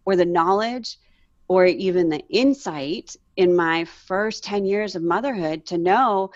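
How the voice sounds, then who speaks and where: A woman's voice: fairly low pitch, a little slow, darkish tone, no echo. A woman in her forties, a mother and guest, telling her faith story earnestly and with emotion. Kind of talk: candid faith interview. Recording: slightly dull, dry sound.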